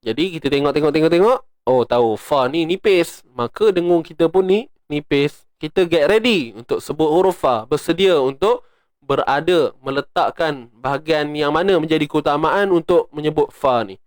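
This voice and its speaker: A man's voice: a little high, animated, normal speed, no echo, clean studio sound. A man with a Malaysian Malay accent teaching Quran recitation rules, explaining step by step and chanting verses in a raised voice. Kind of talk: tajwid lesson with recitation.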